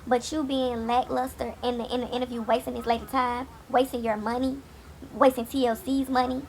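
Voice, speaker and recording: A woman hosting a TV recap gives a casual episode review from home late at night, hoarse and raspy as she gets over a cold. Her voice is on the high side with little pitch movement, fairly quick, and darkish in tone, with a little hiss or hum. She's blunt and sassy and swears freely.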